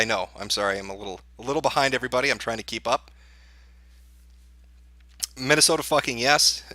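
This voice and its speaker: A man's voice: medium pitch, bright, forceful tone, no echo. A man hosting a live election-night stream, chatting casually and reacting with sarcasm and profanity. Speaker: livestream host.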